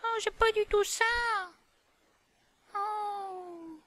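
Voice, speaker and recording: A woman's voice: very high voice, steady tone, drawn-out words, full character voice. A woman voicing a stubborn, chatty little pig girl in a toy play, with a childish, complaining manner. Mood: grumbling.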